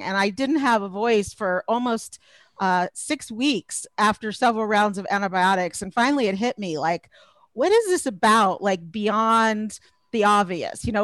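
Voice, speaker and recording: A woman's voice: medium pitch, no room sound. A middle-aged woman from Los Angeles, a career coach guest in a podcast interview, talking in a chatty way and laughing often.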